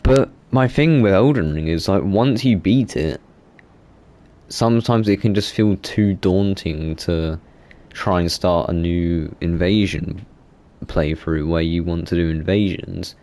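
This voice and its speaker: A man's voice: low-pitched, measured pace, darkish tone. A young man, casually talking about video games in a rambling, self-correcting way with many fillers. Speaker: gaming YouTuber. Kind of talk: casual gaming monologue.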